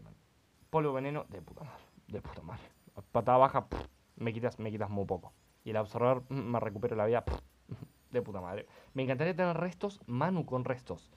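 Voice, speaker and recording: A young man giving crude, excitable gaming commentary, swearing often. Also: medium pitch. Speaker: let's play host.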